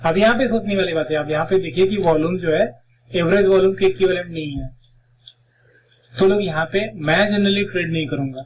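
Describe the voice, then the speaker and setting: A man's voice: sits high, a little fast. A man teaching a live online trading class, explaining step by step and mixing phrases into Hindi. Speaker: trading instructor. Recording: distant mic with faint background noise.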